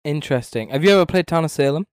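A man's voice: a little high, lively intonation, rapid-fire, smooth, dry recording, clean studio sound. A man co-hosting a casual gaming chat, swearing often and giving blunt opinions. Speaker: podcast co-host.

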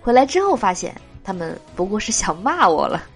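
A woman's voice: mid-range voice, very animated, a little fast, loud music behind the voice. A woman hosting a joke show, reading jokes aloud with a nasal voice from a cold and laughing at her own punchlines.

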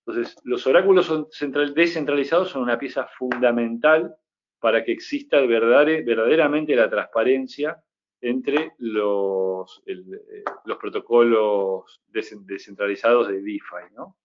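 Male guest, measured technical explainer, dull low-fi audio. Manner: measured, technical, many restarts. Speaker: guest, crypto project founder. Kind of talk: explanatory interview answers.

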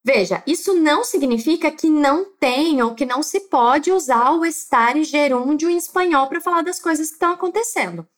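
A woman with a Brazilian Portuguese accent teaching Spanish in a clear, patient manner, coaching listeners to repeat after her. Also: high voice, normal speed, hardly any pauses. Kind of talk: spoken language lesson.

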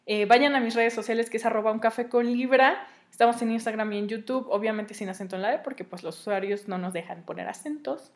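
A woman's voice: fairly high pitch, fast talker, hardly any pauses. A young woman with a Mexican Spanish accent, hosting her own podcast and talking casually and earnestly to her listeners, giving relationship advice. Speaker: podcast host.

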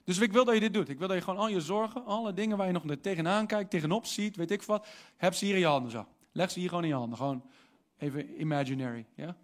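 A man's voice: high voice, fast talker. A young man preaching a sermon, telling a story and then building to emphatic calls, with English phrases slipped in. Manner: animated, rising to emphatic preaching; mixes English phrases into talk. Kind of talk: sermon with personal anecdote.

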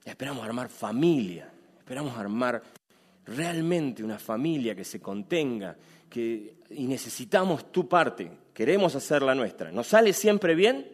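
A man with a Rioplatense Spanish accent preaching a sermon as a pastor, animated and repeating phrases for emphasis. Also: medium pitch, a little slow, big-room sound. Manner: animated, acts out quoted dialogue, repeats phrases.

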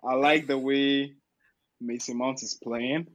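A man with a husky voice in casual sports banter as a podcast panelist, insistent and repeating himself to make his point. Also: medium pitch, fairly even intonation, takes it slowly, no room sound.

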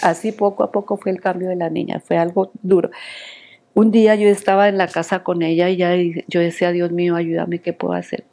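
Older woman, low pitch, mellow dark tone, earnest faith testimony, emotional telling. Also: fairly even intonation, a little fast. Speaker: interviewee.

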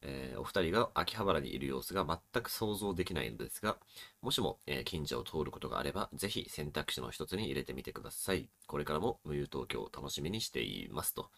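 A man co-hosting a casual podcast, reading listener letters aloud with quick, expressive delivery and frequent laughter. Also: a bass voice, vocal fry, dry recording. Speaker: podcast co-host.

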